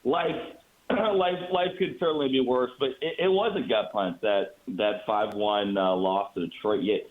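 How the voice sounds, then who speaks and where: An American radio play-by-play announcer joins as a guest over a remote call, offering conversational sports analysis. His voice sits on the low side and he is unhurried, and the audio sounds muffled, like a phone line.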